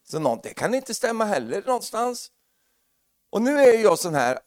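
A man preaching a lively sermon, joking with the congregation and building to loud, emphatic preaching. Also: sits high, dry recording, studio quality.

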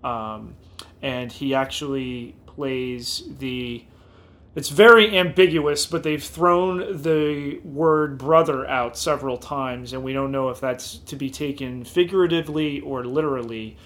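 A man's voice: medium pitch, unhurried, fairly bright tone. A man with a mid-range voice co-hosts a casual podcast. He strings his thoughts into long, enthusiastic run-on sentences. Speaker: podcast co-host.

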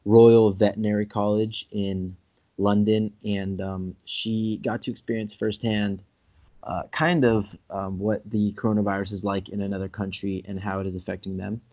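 Low-voiced dude hosting a chat, dry muffled sound, rambles and jokes. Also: male voice, flat delivery, normal speed, dark tone, no room sound. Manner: rambling, restarts, jokey. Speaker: podcast host. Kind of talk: casual interview chat.

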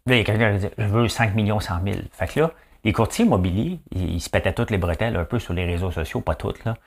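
A man with a Quebec French accent doing a rambling, animated comedic monologue full of fillers and repeated words. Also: lowish voice, fast talker.

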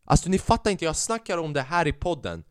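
A man's voice: fairly high pitch, sing-song, clean tone, no room sound, studio quality. A young man hosting a podcast alone, talking animatedly, swearing often and dropping English phrases. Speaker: podcast host. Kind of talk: casual solo podcast monologue.

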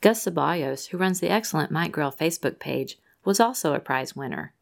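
A woman's voice: sits low, expressive, a little fast, gravelly. A woman co-hosting a podcast, reading listener mail with upbeat emphasis on the quotes. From Rhode Island, USA. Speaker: podcast co-host.

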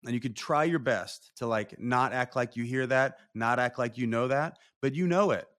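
A man's voice: mid-range voice, normal speed. Conversational male podcast host. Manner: animated, conversational, swears casually.

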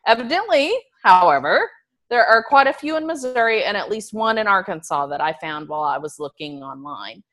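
A woman tells stories in a casual, conversational way. Her medium-pitched voice moves up and down in an animated fashion. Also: a little fast. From Ozarks, USA. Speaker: podcast storyteller. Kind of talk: casual storytelling from notes.

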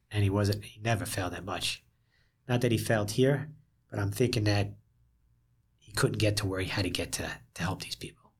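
A man recollecting in an interview, plainspoken and halting, repeating phrases for emphasis in a gravelly, husky voice. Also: on the low side.

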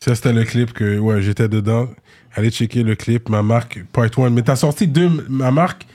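A man's voice: mid-range voice, moderate pace, warm tone. A man, hosting a casual interview and steering it with short questions. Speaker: podcast host.

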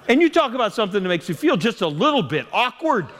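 A man telling a humorous story in a sermon, animated and jokey, acting out the voices of people he quotes. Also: sits high, fast talker, big-room sound. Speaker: preacher.

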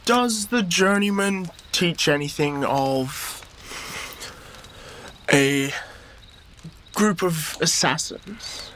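A man voicing a grieving, guarded male adventurer who speaks slowly and carefully. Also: fairly high pitch, fairly bright tone, slight background noise.

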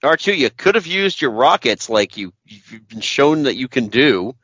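Bright, animated male film commentator. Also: mid-range voice, moderate pace, no echo. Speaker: podcast host. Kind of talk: casual joking film commentary. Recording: dry, slightly dull audio.

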